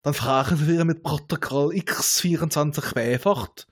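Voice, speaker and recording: A big, bossy alien with eye stalks barks short questions, as a man reads him out. The voice sits high and a little husky, like a storybook reading among friends. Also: unhurried. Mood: formal.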